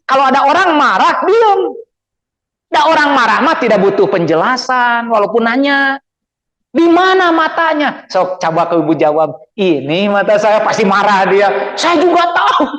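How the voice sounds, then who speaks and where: A man preaching with a Sundanese accent, playful and animated, acting out angry quarrels for his audience. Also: sits high. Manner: playful, acts out quarrels with shouts and jokes. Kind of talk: lively sermon to women. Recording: reverberant hall.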